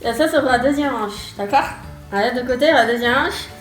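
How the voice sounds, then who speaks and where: A woman hosting and playing a casual game challenge, chatting playfully with animated exclamations and repeated phrases. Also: high voice, fairly quick. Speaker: host and player of a family game challenge. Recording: roomy echo, faint music behind.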